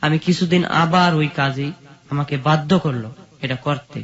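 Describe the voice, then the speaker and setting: A man with a Bangladeshi accent, appearing as an interview guest, narrates his own life story. His voice sits on the high side and sounds a bit bright, delivered at normal speed. The audio has a dull, lo-fi quality.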